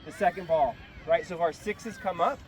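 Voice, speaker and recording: Speaking at a moderate pace in a fairly high voice, a man coaches his soccer team through a halftime pep talk outdoors at a sports field. He is instructive and keeps checking understanding with brief tag questions, while clear traffic noise carries across the field.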